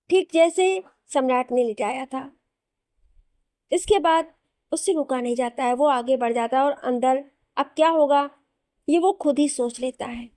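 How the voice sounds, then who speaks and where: A woman storyteller reads a romantic novel aloud and speaks each character's lines in her own voice. Her voice sits high and mellow. The recording is dry and close, with no room sound. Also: no room sound.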